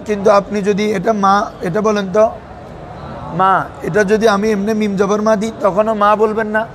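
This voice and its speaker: A man teaching Arabic grammar to a class, constantly asking students questions and waiting for them to answer. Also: high voice. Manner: quizzes students with a recurring "what is it?" tag. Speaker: madrasa teacher. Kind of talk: classroom lesson with call-and-response questions.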